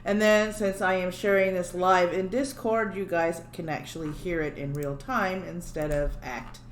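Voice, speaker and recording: A woman with a lowish voice and fairly even intonation hosts a livestream by herself at a normal speed, chatting casually and joking about her own technical glitches. The room sounds echoey, with a faint hum in the background.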